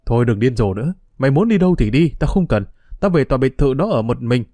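A man's voice: mid-range voice, very animated, quick pace, warm tone, dry recording, lightly acted. A man voicing a stubborn, domineering older mother who scolds her daughter with contempt, in a storybook reading. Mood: scolding.

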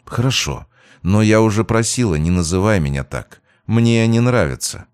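A man's voice: lowish voice, animated, moderate pace, a little mellow, smooth, no room sound, close to an everyday voice. A man voicing a teasing, ageless female ghost witch with a mocking, slightly condescending manner.

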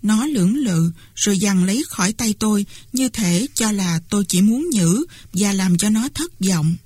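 A woman reads a classic novel aloud in a steady first-person telling, her voice of middling pitch with a husky grain. The recording is close and dry, with no room sound. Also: moderate pace, dry recording. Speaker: audiobook narrator. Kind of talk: scripted narration.

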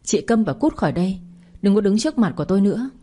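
Woman voicing shrill accusing young wife. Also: sing-song, quick pace, warm tone, husky. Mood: furious. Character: spiteful young wife grieving a lost baby.

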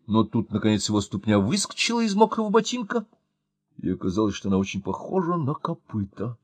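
A man narrating an audiobook with expressive storytelling. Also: fairly low pitch, a little fast, breathy edge, no room sound.

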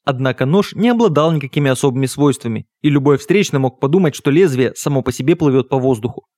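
Man narrating a dark first-person novel. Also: mid-range voice, lively intonation, fast, no echo, studio quality. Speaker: audiobook narrator.

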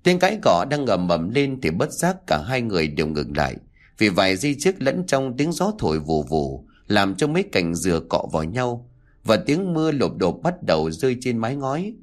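A man narrating a horror story in a dramatic, expressive way. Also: on the low side, normal speed.

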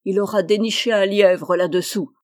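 A woman's voice: mid-range voice, big pitch swings, slow, mellow. A woman voicing a stout, red-cheeked man who talks in jovial exclamations in a read-aloud story. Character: stout red-cheeked male tax collector.

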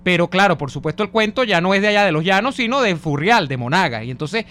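A man's voice: sits high, expressive, quick pace, a bit bright. A man with a Venezuelan accent co-hosting a radio show, reading listener messages and musing on politics. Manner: musing, discursive political commentary. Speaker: radio co-host.

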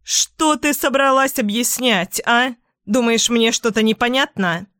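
A woman voicing a furious middle-aged mother in an audiobook, shouting scornful accusations. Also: medium pitch, lively intonation, takes it slowly, dry recording, studio quality. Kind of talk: audiobook character voice.

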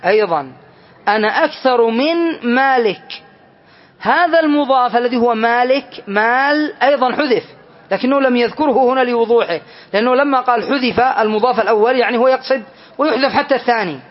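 A man's voice: extremely high pitch, brisk. A man teaching a classroom grammar lesson, explaining step by step and checking with students through questions. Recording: dull lo-fi lesson recording.

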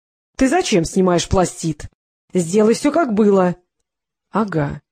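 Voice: medium pitch, sing-song, measured pace, dark tone, husky, exaggerated voice. An audiobook reader voicing a menacing man who taunts his captive, in a sneering, mocking manner. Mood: taunting.

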